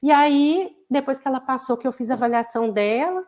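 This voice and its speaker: A woman's voice: sits high, lively intonation, a little fast, a little mellow. A woman psychologist with a Brazilian accent giving a conversational lecture, explaining patiently and often adding "né?" as a tag. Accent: Brazilian Portuguese. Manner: explanatory, frequent "né?" tags. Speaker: psychologist, guest speaker. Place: online live broadcast.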